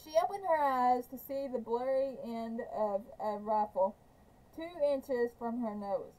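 A woman reading a novel aloud, halting and often stumbling and correcting herself. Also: on the high side, warm tone, low-quality recording. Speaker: audiobook reader.

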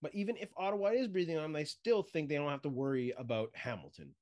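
Male podcast co-host, somewhat high voice, blunt and direct, runs the question segment. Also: expressive, fast, darkish tone. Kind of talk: casual sports chat.

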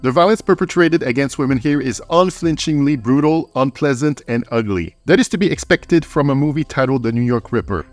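A man giving a scripted film review as host, with wry, slangy, crude humour, close on the microphone. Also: mid-range voice. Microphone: close microphone, voice-over. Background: faint music.

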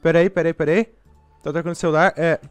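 A man with a Brazilian Portuguese accent doing playful gameplay commentary, excitable and sighing often as he talks to his viewers. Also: on the high side, very fast, clear, resonant tone, soft background music. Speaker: gaming YouTuber.

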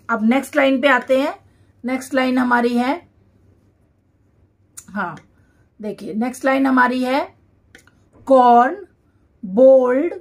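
Woman, dictation teacher, very slow, high voice, repeats each word. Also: a little mellow.

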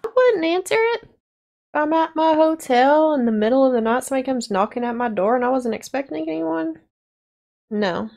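A woman's voice: high-pitched, animated, fairly quick, creaky, darkish tone. A young adult woman giving casual, blunt and sardonic film reaction commentary as a video host. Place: small dark decorated room indoors.

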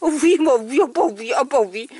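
A woman's voice: high-pitched, expressive, normal speed, dark tone. A woman breeding dogs, chatting casually to camera outdoors by a kennel and cooing affectionately at her puppies. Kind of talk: casual vlog narration.

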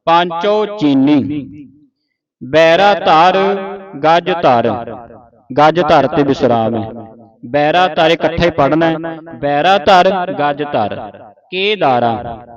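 A man teaching scripture pronunciation. He reads slowly word by word, then quickly explains how each word should be said. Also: on the high side, muffled recording, crowd noise. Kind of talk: slow line-by-line recitation lesson.

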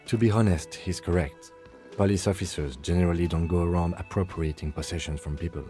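An actor voicing a calm, measured male police lieutenant in a video game, precise and formal in his speech. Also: low-pitched, natural voice. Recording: game audio over background music.

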